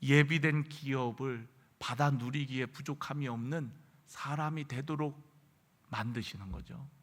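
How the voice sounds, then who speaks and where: A man's voice: medium pitch, steady tone, measured pace. A man preaching a midweek sermon as pastor, telling a story earnestly and rising to emphatic peaks. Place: church sanctuary. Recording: reverberant church hall.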